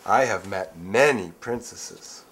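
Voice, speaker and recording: A man's voice: lowish voice, slow pace, fairly bright tone, low-quality recording. An earnest young prince from a storybook, played by a man. He declares his lines in a simple, exaggerated way, as when reading to small children, over slight recording noise. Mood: earnest, declaring. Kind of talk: read-aloud reader's theater with children.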